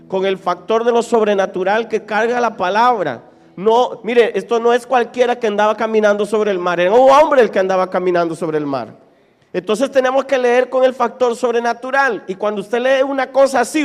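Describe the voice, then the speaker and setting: A pastor with a very high voice preaches to a live congregation at a moderate pace, animated and dramatic. He questions listeners directly and acts out Bible quotes and scenes from the text, in a reverberant church hall with keyboard music.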